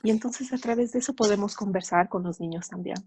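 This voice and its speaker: A woman's voice: medium pitch, fast talker, darkish tone, husky, no room sound. A woman psychologist speaking as an interview guest, explaining patiently, often adding tag questions and light laughs. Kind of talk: interview talk.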